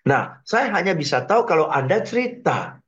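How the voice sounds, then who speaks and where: A man gives sales advice as a radio guest, energetic and fond of rhetorical checks with his listener. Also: on the high side, normal speed. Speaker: sales trainer guest on a business radio show. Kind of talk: radio talk, explaining with lively examples. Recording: dull lo-fi radio broadcast.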